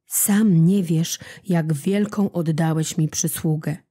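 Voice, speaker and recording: A woman voicing a noble, grave male prince on the run in a storybook legend, speaking slowly and earnestly, often in a hush. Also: low voice, fairly even intonation, breathy edge, no room sound, clean studio sound, heavily acted. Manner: slow, earnest, often hushed.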